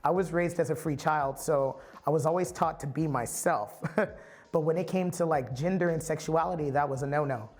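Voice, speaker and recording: A man's voice: a little high, normal speed. A man from the Bay Area giving a candid, reflective personal testimony as a storyteller. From San Francisco Bay Area.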